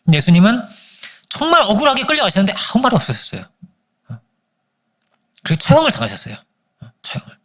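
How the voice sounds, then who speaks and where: Animated preacher man with a lively voice. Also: quick pace, long pauses. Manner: animated storytelling, acting out family quarrels in high voices. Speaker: pastor. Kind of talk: sermon.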